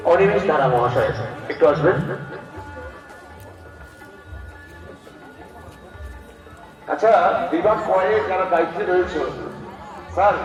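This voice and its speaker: A man making live announcements as the host of a festival competition, his voice carried over an echoing loudspeaker. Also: sits high. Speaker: event announcer. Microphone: stage microphone through public address. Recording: echoing loudspeaker, distant, music and crowd behind.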